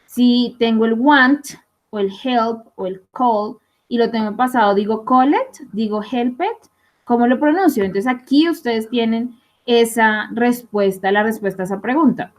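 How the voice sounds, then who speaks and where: In a recorded online English class, a young adult female teacher walks students through each rule at a measured pace. Her slightly high voice keeps pausing for rhetorical check-ins such as "¿listo?" and "¿sí?".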